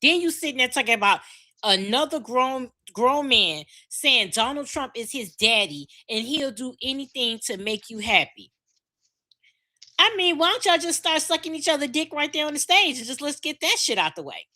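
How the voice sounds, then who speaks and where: A woman's voice: high voice, sing-song, moderate pace, sharp tone. A woman co-hosting a podcast, ranting crudely and incredulously in casual chat. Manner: crude, incredulous, laughing rants. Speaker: podcast co-host.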